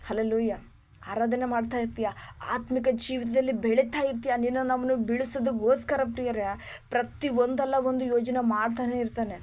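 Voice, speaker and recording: A woman's voice: a little high, steady tone, brisk, darkish tone. A woman preaching a sermon. She repeats hallelujah, calls her listeners beloved, and keeps asking them why they are afraid. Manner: asks the listener repeated rhetorical questions.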